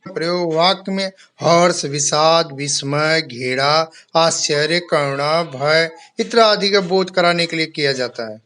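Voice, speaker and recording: Guy teacher, kinda high voice, walking the kids through grammar rules one by one with examples. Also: unhurried, few pauses, bright, forceful tone. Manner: explains step by step, reads out example sentences; addresses pupils kindly as "my children". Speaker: school teacher. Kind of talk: online Hindi grammar lesson for children.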